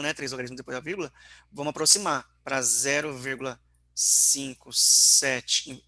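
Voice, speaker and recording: A man teaches physics over a video call, walking through each calculation and checking that his students follow. His voice sits a little high, with a bright, forceful edge. The sound is dry and close. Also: no echo. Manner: walks through calculations step by step, often checking in with the class. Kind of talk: online class explanation.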